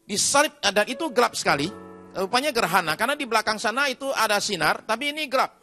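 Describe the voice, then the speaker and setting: A man delivers a sermon testimony in church, his voice pitched high and ringing bright. He swings between loud emphatic peaks and hushed low passages, repeating key words for effect. Soft music plays behind him. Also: animated, fast. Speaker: preacher giving testimony. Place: church service before a congregation.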